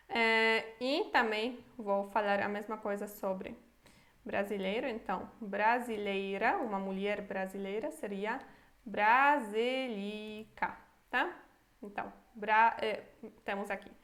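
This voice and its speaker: A Polish teacher with a Brazilian Portuguese accent runs a beginner language lesson, patiently breaking words into syllables in slow pronunciation drills and often checking in with "tá?". Her voice is mid-range and a bit bright.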